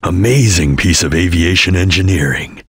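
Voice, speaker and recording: A man voicing a serious, vigilant ninja chameleon in a video game, with a husky, gravelly voice and a terse, solemn delivery. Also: low-pitched, no echo, studio quality. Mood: solemn, watchful. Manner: terse, solemn, deliberate, formal. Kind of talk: English video game voice acting.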